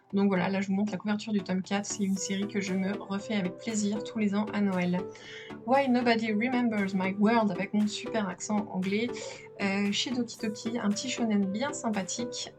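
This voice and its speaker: A chatty woman walks through her bookshelves at home in an easy, enthusiastic vlog, talking over a handheld camera. Her voice sits at an ordinary middle pitch. Clear background music plays under her talk. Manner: chatty, enthusiastic, filmed while handheld, with filler pauses. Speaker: manga collector vlogger. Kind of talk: casual shelf-tour vlog. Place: at home by bookshelves in the living room.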